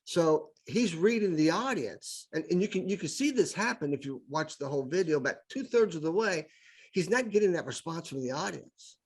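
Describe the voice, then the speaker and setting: On the high side, expressive and husky at normal speed, a middle-aged podcast guest tells stories in an easy, conversational style. An improv speaker, he's enthusiastic and frequently repeats words while building his point.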